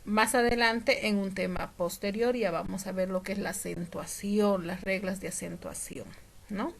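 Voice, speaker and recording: A patient woman teacher walks through a lesson, stretching out her example words and pausing to check understanding. Her voice sits at an ordinary middle pitch, steady and clear. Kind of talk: classroom lesson explanation.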